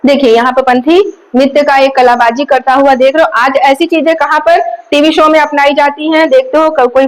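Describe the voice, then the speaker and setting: High-voiced woman teacher. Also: rough recording. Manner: explanatory, repeats key points and asks rhetorical questions. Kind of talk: exam coaching lecture.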